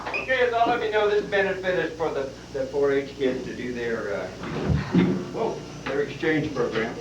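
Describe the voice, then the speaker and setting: At a benefit event before a live audience, a man with a cowboy drawl hosts and performs folksy comic poetry. His medium-pitched voice is animated and moves at a moderate pace, heard in a distant, echoey, muffled recording with hall noise.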